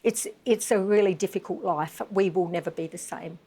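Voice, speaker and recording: A middle-aged woman with a low, mellow voice and moderate pace advocates for veterans in a live TV interview. As a bereaved mother, she sounds impassioned and emphatic, with frequent fillers.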